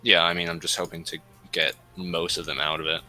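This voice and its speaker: Male tabletop player, fairly deep but crisp and forceful, casual game chat. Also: flat delivery, a little fast, faint music behind.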